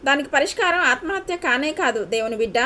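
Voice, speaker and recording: High-voiced woman preaching a devotional sermon. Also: expressive, quick pace, pushed and bright. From India. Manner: earnest, repeats questions for emphasis.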